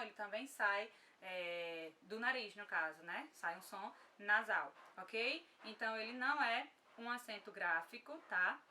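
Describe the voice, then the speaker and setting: A woman's voice: mid-range voice, sharp tone, far from the mic, a little hiss or hum. A woman with a Brazilian Portuguese accent teaching an online grammar lesson, patient, often checking in with her students.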